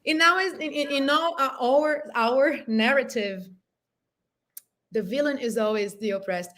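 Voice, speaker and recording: On a video call, a woman in her thirties with a Brazilian Portuguese accent speaks as a panel guest in a voice that's a little high and a bit bright. The discussion is impassioned, and she is raw, earnest and emotional, frequently pausing to find the right English word.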